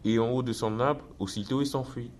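A man narrating a children's storybook in a steady, measured way. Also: medium pitch. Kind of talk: storybook reading aloud.

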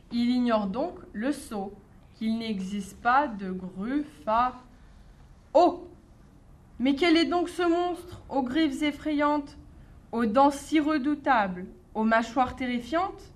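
A woman's voice: sits high, expressive, slow. A woman voicing a small, clever female mouse who bluffs her way past predators in a storybook reading. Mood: sly. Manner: bright, sly, bluffing.

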